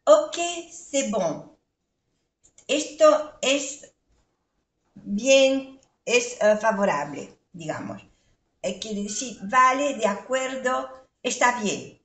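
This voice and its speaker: A woman's voice: on the high side, very animated, drawn-out words, long pauses, fairly bright tone. An older woman teaching a language lesson, patiently repeating examples and spelling out sounds. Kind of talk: slow, clear language lesson. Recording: echoey room.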